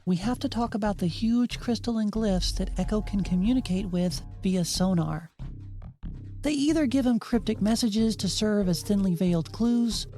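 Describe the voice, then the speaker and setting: Over a music bed, a woman with a dark, mid-range voice reads the script of a video game retrospective she hosts and narrates. Her audiobook-style delivery is punctuated by wry, dryly sarcastic asides.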